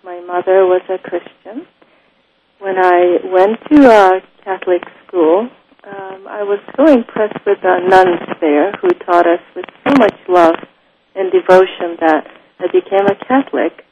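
A woman from Japan, a guest in an interview, speaking thoughtfully and pausing often. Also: on the low side, muffled recording, slight background noise. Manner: slow, thoughtful, often pauses with ums. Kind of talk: unhurried spoken interview.

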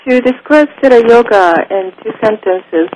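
A woman from Japan, a guest in an interview, speaking thoughtfully and pausing often. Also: a little high, darkish tone, a little hiss or hum, rough recording. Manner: slow, thoughtful, often pauses with ums. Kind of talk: unhurried spoken interview.

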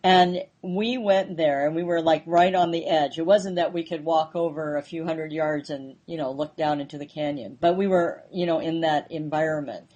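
A woman hosting a conversational interview, speaking hesitantly with frequent pauses and fillers. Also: deep voice, fairly even intonation, darkish tone, highs cut off. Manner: hesitant, many ums and pauses.

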